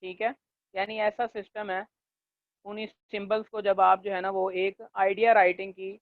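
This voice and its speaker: A male linguistics lecturer teaching a class, leaning on fillers and checking in often, and slowing down to dictate definitions. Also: high-pitched, flat delivery, no room sound. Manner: leans on the filler "jo hai na" and checks in with "theek hai"; slows down to dictate English definitions. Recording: tinny, dry, phone-like recording.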